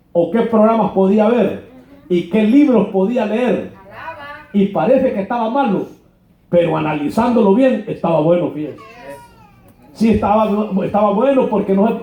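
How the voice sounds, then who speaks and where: A pastor from Honduras preaching a sermon in a church, colloquial and mocking, acting out quoted dialogue. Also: male voice, high voice. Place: church hall. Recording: echoey church, dull lo-fi sound.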